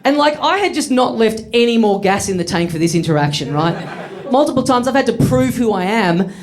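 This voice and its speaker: A man's voice: high-pitched, expressive, brisk. A young Australian man telling a story in stand-up, wry and self-deprecating, laughing through his lines before a live audience. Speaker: stand-up comedian.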